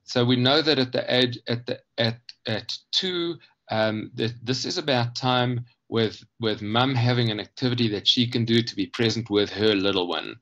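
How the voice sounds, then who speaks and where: A man who writes children's books talks through his ideas as a guest in an interview, pausing partway through phrases to reword them in a thoughtful, halting manner. The sound is lo-fi, and his medium-pitched voice has a fairly bright tone.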